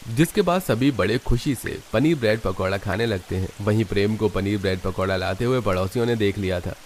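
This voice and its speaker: A man narrating a cartoon story in a steady, even way. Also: lowish voice, a little fast, slight background noise.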